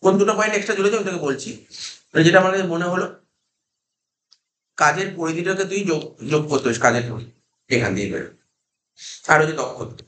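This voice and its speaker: A man's voice: sits high, expressive, quick pace, pauses often, fairly bright tone, roomy sound. A man with a Kolkata Bengali accent, lecturing a class and drilling students with repeated questions. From India. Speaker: teacher.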